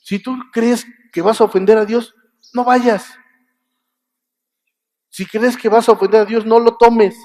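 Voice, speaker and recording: A man's voice: very high voice, steady tone, unhurried, pauses often, a little mellow. A man with a Mexican Spanish accent preaching a Sunday sermon in a church, talking conversationally, often restarting words and asking the congregation whether they agree.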